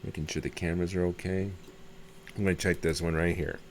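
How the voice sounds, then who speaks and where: His deep voice is level, brisk and slightly mellow as he walks through fixing a radio on his hobbyist video channel. The talk is casual and tentative, full of thinking aloud and frequent repetition. The recording carries clear background noise.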